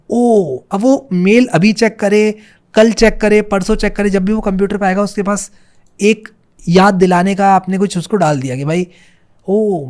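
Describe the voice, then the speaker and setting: A man's voice: on the high side, darkish tone. Chatty man explaining a tutorial. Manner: chatty, repeats "theek hai" and "bhai", reads on-screen English slowly. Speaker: coding tutorial host. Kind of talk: casual screen-share tutorial.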